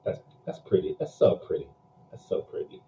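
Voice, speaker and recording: A man hosting a podcast live, chatting casually and pitching in an announcer style, heard through low-quality streaming audio. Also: moderate pace, dark tone, a little hiss or hum. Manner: hype-man pleading, announcer-style intro. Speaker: podcast host.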